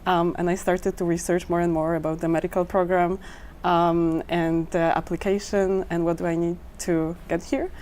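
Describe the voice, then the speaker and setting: A woman from Poland gives a halting answer on a student panel, with fillers at nearly every turn. Her voice is lowish and very flat. A faint hiss runs through the recording. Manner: hesitant, many fillers. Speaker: medical student.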